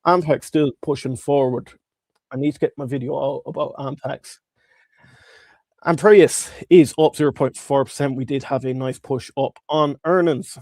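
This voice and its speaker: Congested man with a gravelly, sore-throated voice. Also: mid-range voice, fairly even intonation, normal speed, a little mellow, no room sound. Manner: informal, chatty, addressing viewers. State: congested, strained throat from tonsillitis and a cold. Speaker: livestream host. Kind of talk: casual live stock market commentary.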